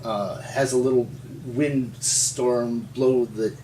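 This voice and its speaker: His voice sits at medium pitch with a dark tone, fairly even intonation, and a slow delivery. A resident paleontologist from Montana, he rambles and chuckles through folksy stories in an interview, captured by a distant mic in an echoey room with a little hiss or hum.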